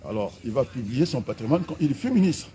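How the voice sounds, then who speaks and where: A middle-aged man from the Republic of the Congo. He gives an impassioned, mocking political rant outdoors, filmed on a camera held by a companion, with sudden loud outbursts. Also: medium pitch, very animated, brisk, a loud crowd. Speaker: political activist.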